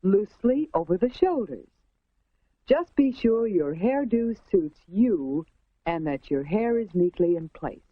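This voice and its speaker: Female 1950s instructional-film narrator, American, prim and precise, animated intonation, muffled old soundtrack. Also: mid-range voice, unhurried, slightly rough, dry recording.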